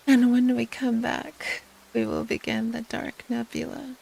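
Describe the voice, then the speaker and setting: A woman softly reading a bedtime story in a hushed, under-the-breath voice, as host of a quiet reading show. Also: fairly high pitch, flat delivery, a little slow, vocal fry, slight background noise, rough recording.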